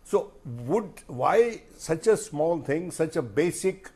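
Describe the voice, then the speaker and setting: With a crowd audible behind him, a man with an Indian accent speaks slowly and expressively in a fairly high voice. He is a journalist guesting on a panel, making emphatic, rhetorical points and repeating phrases to drive them home.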